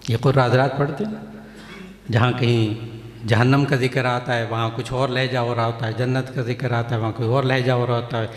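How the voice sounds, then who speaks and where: A man's voice: medium pitch, flat delivery, a little fast. A male cleric explaining a point to an audience at a recitation contest, repeating key phrases and acting out examples to show what he means. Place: large mosque hall. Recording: echoey hall with long reverb.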